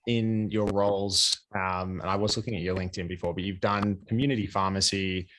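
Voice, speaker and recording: A man's voice: deep voice, fairly even intonation, fairly quick, a bit bright. A man hosting a podcast, greeting listeners and asking loose, rambling questions with ums. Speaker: podcast host. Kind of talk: casual interview hosting.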